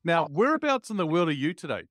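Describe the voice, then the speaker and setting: A man with a fairly high, a bit bright, sing-song voice talks fast as he hosts a podcast interview, upbeat and showering his guest with praise words between questions. The studio sound is clean, with no room sound.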